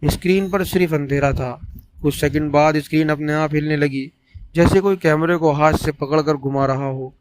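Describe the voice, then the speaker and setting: A man telling a scripted first-person horror story in a steady, suspenseful way. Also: fairly high pitch, normal speed, a little hiss or hum.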